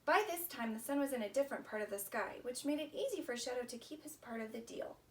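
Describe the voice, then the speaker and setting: Reading aloud at a children's story time, this woman keeps her phrasing simple and expressive and pauses to quiz her young audience. Her voice sits a little high, animated and quick-paced. It's captured from a distance, with a faint hum of background noise.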